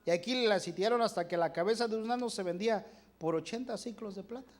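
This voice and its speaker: A preacher in full sermon mode speaks in a church and keeps turning to the congregation with direct questions. The pitch sits in a middle register. The delivery swings from loud, emphatic lines to quieter asides. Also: quick pace. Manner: animated, shifting loudness.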